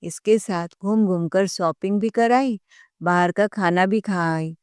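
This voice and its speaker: A woman's voice: mid-range voice, a little slow, darkish tone, smooth, no room sound, clean studio sound, natural voice. A woman voicing a spiteful, spoiled young sister-in-law who taunts and sulks. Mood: taunting. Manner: taunting, sulky.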